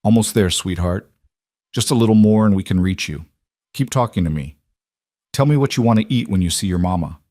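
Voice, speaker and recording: A man voicing a huge, gentle man, exhausted but determined, talking steadily and softly. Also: on the low side, a little fast, no room sound, studio quality, close to an everyday voice.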